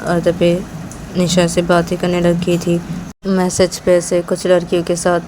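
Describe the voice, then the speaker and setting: A woman's voice: fairly low pitch, completely flat delivery, unhurried, noisy background. A woman narrating a romantic story informally, in long run-on sentences joined by "and then". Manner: plain, run-on retelling with many "and then".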